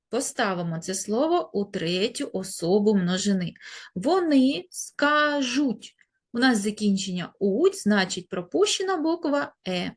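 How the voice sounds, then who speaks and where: A woman teacher giving a grammar lesson to young pupils, speaking slowly and stretching out each example word. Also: mid-range voice, slightly rough. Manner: slow, deliberate, stretching out example words. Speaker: primary school teacher.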